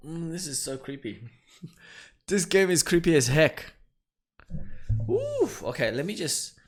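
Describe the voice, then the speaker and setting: This let's-play streamer has a slightly high voice with huge swings in pitch, and he speaks at a measured pace. Reading game text aloud, he stays jumpy and exclaims nervously between each read-out passage.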